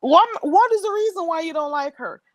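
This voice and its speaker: Lively chatty woman hosting a stream. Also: extremely high pitch, brisk, no room sound. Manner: chatty storytelling, laughs often. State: stuffy nose. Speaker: live stream host. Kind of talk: casual live chat.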